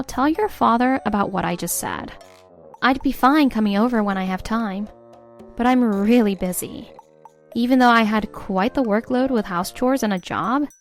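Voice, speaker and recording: In this scripted narration, faint music plays behind an actress's fairly high, creaky voice. She portrays a young wife who is fed up, telling her own story with exasperation and sarcasm.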